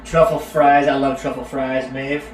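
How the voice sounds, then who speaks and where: A man's voice: medium pitch, measured pace. A middle-aged man co-hosting a live cooking stream, chatting casually with viewers and his kids. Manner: relaxed, chatty, talks to viewers and kids by name. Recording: roomy sound from a distant mic, faint background noise.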